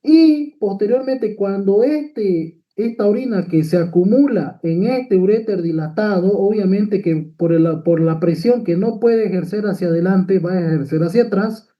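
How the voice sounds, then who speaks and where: A man's voice: sits high, normal speed, few pauses. A man teaches a medical class, walking through a slide point by point. He checks in with frequent tag questions and fillers as he explains. The audio sounds slightly dull, as if through a modest mic. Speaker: medical lecturer. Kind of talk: lecture with slides.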